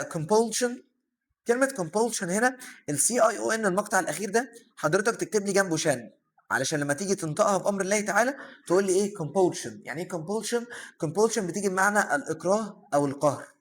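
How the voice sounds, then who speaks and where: A young man with an Egyptian accent runs through vocabulary at a brisk clip, his voice sitting fairly high for a man. He poses a question and then answers it himself, with plenty of "aah" filler, like a tutor recording a review session. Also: a bit bright. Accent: Egyptian Arabic. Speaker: English teacher. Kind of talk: vocabulary lesson for secondary students.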